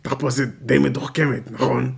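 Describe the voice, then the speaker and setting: A man doing a gravelly, jittery newsstand vendor. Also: medium pitch, flat delivery, pitched above the performer's own voice, exaggerated voice. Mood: flustered. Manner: slow, nervous, halting replies. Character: jittery male newsstand vendor, eager to please. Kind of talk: audiobook character voice.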